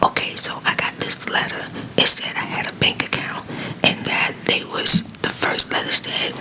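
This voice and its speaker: A woman telling a rambling, conversational personal story in a hushed, breathy ASMR whisper, quiet as if at night. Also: moderate pace, poor audio.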